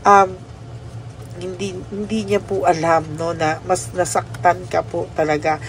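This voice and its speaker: A woman host from the Philippines, talking the listener through a personal reading. She is polite and unhurried, mixes English words into her Tagalog, and often ends a line with a questioning "no?". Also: lowish voice, little pitch movement, slight background noise. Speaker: channel host giving a reading to the viewer. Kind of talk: soft-spoken reading addressed to the listener.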